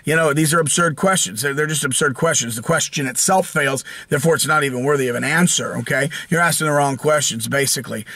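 A man's voice: on the high side, fast, hardly any pauses, sharp tone, dry recording. An American man hosting his channel, ranting casually in a rambling, sarcastic way with lots of restarts and fillers. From United States. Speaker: channel host. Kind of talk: casual opinion rant.

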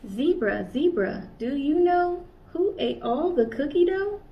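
A high-sitting, animated voice at a measured pace belongs to a young adult woman from the US, a children's librarian reading a picture book to children in a playful sing-song way. She's in a small indoor room; the recording is slightly distant, dull, and lightly hissy.

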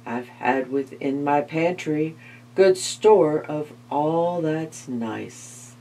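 A sly, sweet-talking spider from a storybook, as a woman reads him. He coaxes slowly and softly, his words honeyed and unhurried. A breathy husk sits under every line. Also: low voice, heavily acted, rough recording. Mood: flattering. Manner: coaxing, honeyed, slow. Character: cunning male spider, smooth sweet-talker. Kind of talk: storybook read-aloud.

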